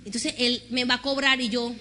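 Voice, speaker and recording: A woman pastor preaching an animated sermon, acting out conversations and having the congregation repeat after her. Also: on the high side, brisk, slight background noise. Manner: animated storytelling, acts out dialogue with God.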